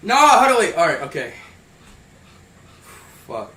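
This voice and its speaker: A young man streaming live, loud and hyped, then dropping to nervous mutters. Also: on the high side, huge pitch swings, measured pace, far from the mic. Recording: roomy, off-mic with hum.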